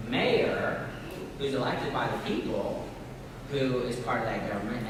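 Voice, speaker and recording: A man speaking as a city official to schoolchildren, explaining simply, repeating key points and quizzing his listeners. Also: mid-range voice. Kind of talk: talk to a class. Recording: echoey hall from far off, noisy.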